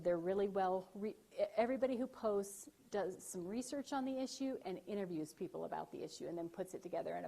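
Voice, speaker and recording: Brief: woman lecturer, chatty, animated storytelling, mid pitch, asks "right?" often. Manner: chatty, frequent "right?" check-ins, animated retellings. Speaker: university lecturer. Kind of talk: lively campus talk. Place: event room.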